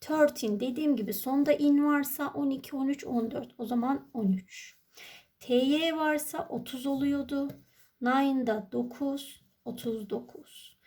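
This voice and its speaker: A woman's voice: sits high, unhurried, a little mellow. A woman teacher with a Turkish accent, walking through an exam step by step and answering her own questions. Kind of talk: exam walkthrough lesson.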